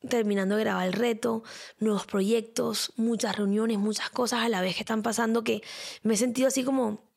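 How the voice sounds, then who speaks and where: Chatty woman podcast host, slightly gravelly voice. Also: a little high, fairly quick. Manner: chatty and expressive, repeats words for emphasis. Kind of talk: casual solo podcast talk.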